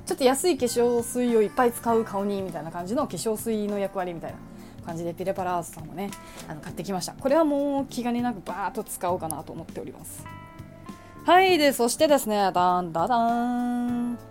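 A woman's voice: medium pitch, animated, fast talker, darkish tone, soft background music. A young woman chatting casually about her shopping, adding playful sound effects. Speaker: vlogger. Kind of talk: casual shopping haul vlog.

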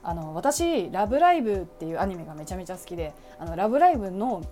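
A woman's voice: lowish voice, sing-song, quick pace, dark tone, soft background music. A young woman chatting casually about her shopping, adding playful sound effects. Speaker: vlogger. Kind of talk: casual shopping haul vlog.

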